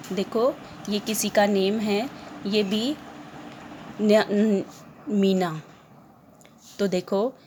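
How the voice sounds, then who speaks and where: Slow, deliberate Indian woman teacher. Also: medium pitch, darkish tone, a little hiss or hum. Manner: slow, stressing each word as she reads lists aloud. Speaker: school teacher. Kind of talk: online class lesson.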